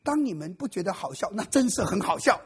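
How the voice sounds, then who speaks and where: Here a male pastor with a high-pitched, slightly rough voice preaches fast to a live congregation, his pitch swinging a lot. He jokes around and quizzes the people in the pews in a playful manner.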